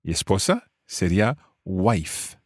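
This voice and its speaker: A man's voice: low voice, big pitch swings, takes it slowly, husky, dry recording, clean studio sound. A man teaching family words in English, explaining patiently and repeating each word for his student. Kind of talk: language lesson dialogue.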